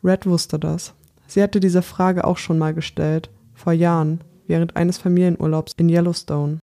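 A narrator reading a thriller novel aloud in a measured, tense audiobook style. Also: mid-range voice, flat delivery, vocal fry, dark tone. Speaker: audiobook reader.

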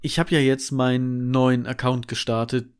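A man's voice: medium pitch, level tone, moderate pace, smooth. A man co-hosting a casual podcast chat, teasing his friend and laughing often at his own jokes. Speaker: podcast co-host.

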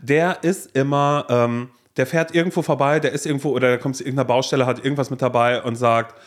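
Man, podcast co-host, casual chat, lively anecdotes, acts out quotes, mid pitch. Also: fast. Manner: animated storyteller who acts out quoted dialogue.

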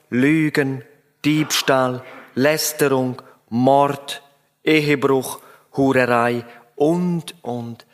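A man preaching a sermon in an emphatic way, addressing his listeners directly. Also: mid-range voice.

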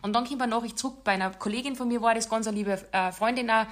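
A woman's voice: on the high side, fast. A woman hosting a casual podcast chat, talking in an emphatic, direct way. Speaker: podcast host.

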